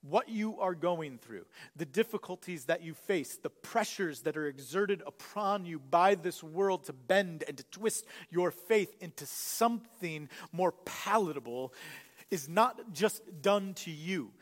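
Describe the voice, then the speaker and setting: A man preaching a sermon as pastor, earnest, rising to loud emphasis and falling to a near hush. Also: high-pitched, expressive, a little slow, in a large hall. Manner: earnest preaching that swells louder and drops to a hush. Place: church sanctuary.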